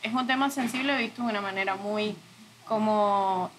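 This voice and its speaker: A woman's voice: mid-range voice, moderate pace, background noise. A woman speaking reflectively in an interview, searching for words and correcting herself. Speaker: interview guest, audiovisual art director.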